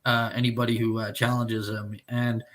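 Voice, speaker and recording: A man hosting a live stream, chatting casually and bluntly with a guest, swearing often and filling pauses with "uh". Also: mid-range voice, level tone, fairly bright tone. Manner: blunt and profane, with frequent filler words. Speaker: livestream show host.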